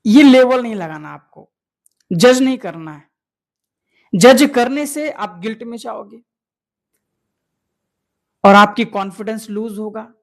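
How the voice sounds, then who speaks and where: A man who makes videos, coaching viewers in an earnest motivational talk that repeats key points and asks rhetorical questions. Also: sits high. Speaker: video creator coaching on fluent speaking.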